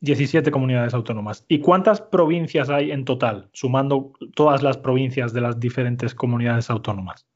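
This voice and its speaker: A man from Málaga, teaching a slow, patient lesson, repeating answers and explaining words clearly. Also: medium pitch, highs cut off. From Málaga, Spain. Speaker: Spanish teacher.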